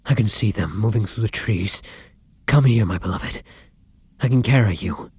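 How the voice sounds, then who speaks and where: A man plays a charming yet bloodthirsty vampire lover in an intimate audio roleplay, sounding alarmed. His fairly low, slightly mellow voice is breathy and husky, moves at a moderate pace, often sinks to a whisper and offers courtly, theatrical endearments, with no room sound.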